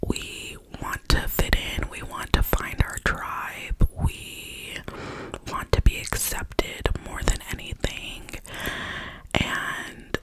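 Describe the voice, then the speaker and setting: Whispered pep talk, young adult, very soft ASMR delivery, slow pace, clicky, confiding, positive affirmations. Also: low-quality recording. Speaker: ASMR creator.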